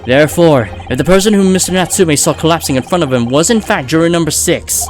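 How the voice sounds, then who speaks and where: A man's voice: fairly high pitch, expressive, fast, soft background music, voice pushed up, close to an everyday voice. A man voicing an earnest young male defence lawyer in a video game, arguing formally and emphatically. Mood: earnest, insistent. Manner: emphatic, formal courtroom argument.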